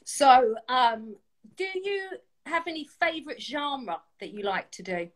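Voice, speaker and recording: A woman's voice: high voice, lively intonation, unhurried. A woman with a south London accent hosting a casual live music chat in an effusive, encouraging way. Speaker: online music show host.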